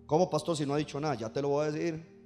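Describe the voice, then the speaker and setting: A man's voice: a little high, fairly even intonation, quick pace, dark tone, faint music behind. A male pastor preaching a sermon, leading the congregation to repeat after him and stretching key words for emphasis. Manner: preaching with call-and-response to the congregation.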